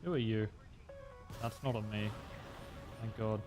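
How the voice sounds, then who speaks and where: A man's voice: lowish voice, fairly even intonation, unhurried, music in the background. A young man streaming a flight game, chatting casually and explaining tactics with lots of fillers. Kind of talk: casual gameplay commentary.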